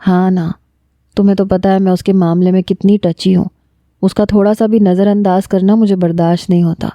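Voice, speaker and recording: A woman's voice: medium pitch, flat delivery, dark tone, no echo, natural voice. A woman reading the lines of a lovestruck young woman talking to a friend on the phone, smiling and candid.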